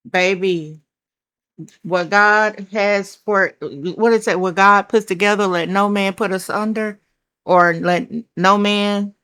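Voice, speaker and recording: Thinking out loud over each card, a country-accented woman with a somewhat low voice gives her viewers a loose, chatty tarot reading. She's blunt, curses offhandedly, and addresses her listeners as child and baby.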